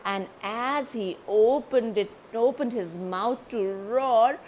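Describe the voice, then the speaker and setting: A woman reading a children's story aloud, animated and speaking directly to young listeners. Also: a little high, takes it slowly, slight background noise.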